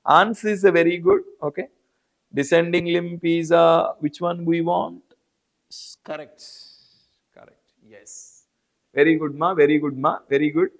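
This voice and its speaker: Brief: higher-pitched Indian English male teacher, repetitive, calls students by name. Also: steady tone, measured pace, vocal fry, long pauses. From South India. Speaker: biology teacher. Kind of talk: live online class.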